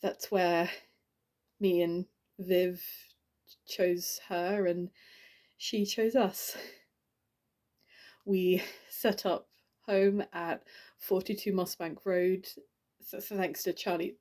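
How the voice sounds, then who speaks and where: An actress playing a grieving woman delivering a eulogy for her friend, halting and stammering with many restarts, in an audition monologue. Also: fairly low pitch, fairly even intonation, dark tone. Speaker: actor.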